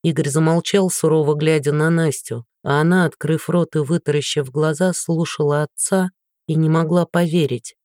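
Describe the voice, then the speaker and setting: A man reading a novel aloud in a steady, even storytelling manner. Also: a little high, normal speed, dry recording, clean studio sound. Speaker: audiobook narrator. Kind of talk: scripted narration.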